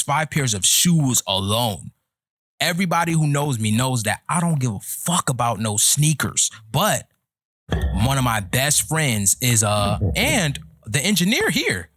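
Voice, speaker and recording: Brief: man, 30s, podcast host, mid pitch, dry close sound, opinionated and lecturing. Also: a bit bright, no room sound. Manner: opinionated, lecturing, slow deliberate delivery. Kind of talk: casual podcast chat.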